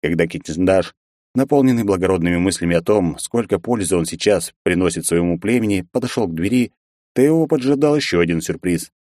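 A man reading an audiobook in a steady, even storytelling manner on a close studio mic. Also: sits low, fairly quick, no room sound. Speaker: audiobook narrator. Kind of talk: scripted narration.

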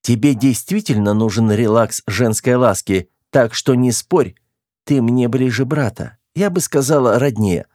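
A man reading an audiobook, voicing a stern, bossy young woman who gives sharp, commanding orders in a pitched-up voice. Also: a little slow, no room sound, studio quality, natural voice.

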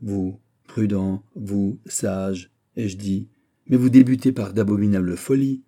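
A man's voice: fairly low pitch, mellow, breathy edge. A man voicing a witty, teasing princess. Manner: arch, lightly mocking, knowing.

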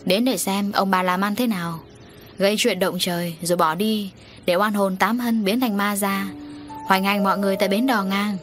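A woman's voice: medium pitch, fairly even intonation, moderate pace, faint music behind, natural voice. A woman voicing a scornful middle-aged man who mocks and provokes, in a storybook reading. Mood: mocking. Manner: mocking, sneering.

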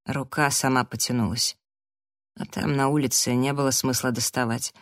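Audiobook narrator, first person, dry close sound, steady. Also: mid-range voice, normal speed, no echo.

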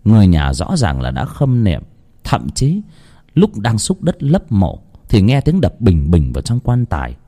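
A man narrating a ghost story in a dramatic, expressive storytelling voice. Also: measured pace. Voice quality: expressive, varied in pitch. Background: faint music.

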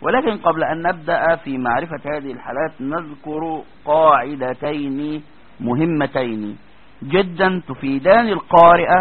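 A man with a fairly high, husky voice and an Egyptian Arabic accent teaches Quran recitation in a classroom lecture. He walks through each rule step by step, frequently asking whether students are following, captured in a tinny lo-fi recording.

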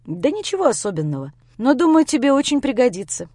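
A woman's voice: high voice, sing-song, fast talker, a little mellow, dry recording. A woman voicing a young man who pleads with and soothes his upset girlfriend. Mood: pleading.

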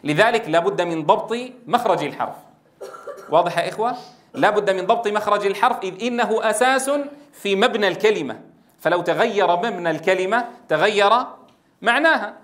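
A man's voice: high-pitched, a little fast. A man from Syria giving a lecture on Quran recitation, acting out different pronunciations and often checking with his listeners. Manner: animated, demonstrates pronunciations and recitation, asks the audience. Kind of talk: classroom lecture.

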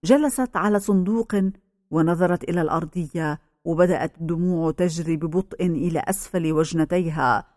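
A woman narrating a novel as an audiobook in an even, steady reading voice. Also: lowish voice, brisk, no echo, studio quality.

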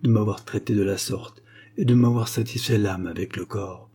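A man's voice: fairly low pitch, fairly even intonation, normal speed, dark tone, breathy edge. A man voicing a grateful, emotional old man who thanks his host humbly.

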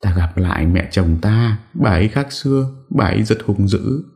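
A man's voice: fairly low pitch, lively intonation, moderate pace, vocal fry, darkish tone, pitched above the performer's own voice. A man voicing a frightened older woman in an audiobook story, speaking in a tremulous, pleading way. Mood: dazed.

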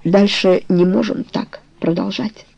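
A woman's voice: medium pitch, steady tone, unhurried, creaky, warm tone, dry recording, dull audio. A woman voicing a remorseful, passionate older man in a storybook reading, speaking earnestly and tenderly.

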